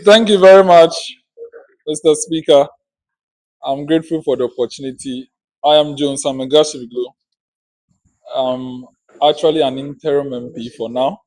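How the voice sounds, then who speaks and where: A man's voice: mid-range voice, moderate pace, pauses often, darkish tone, dry recording, low-quality recording. A man making a formal, polite and orderly announcement to parliament as one of its members. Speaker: interim MP and outgoing parliament speaker.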